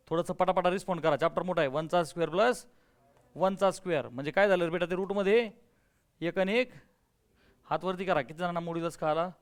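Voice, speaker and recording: A man teaching a maths class in a classroom, energetic, firing questions at students and urging them to answer loudly. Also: high-pitched. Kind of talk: classroom lecture with call-and-response.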